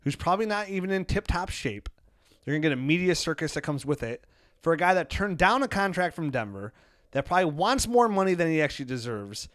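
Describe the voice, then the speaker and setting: A man's voice: a little high, sing-song, a bit bright, no echo. Joking man with a dry, close sound. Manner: joking, rambling, quick to roast players. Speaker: podcast co-host. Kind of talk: casual fantasy football chat.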